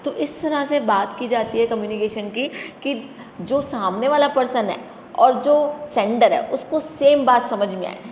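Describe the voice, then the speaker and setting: A woman teacher with a fairly high voice lectures to her students, posing questions and answering them, and slows right down to read definitions. She calls her students "beta". The recording sits in an echoey room with a long reverb tail and faint background hiss. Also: a little mellow. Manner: asks questions then answers them herself; reads English definitions slowly and deliberately.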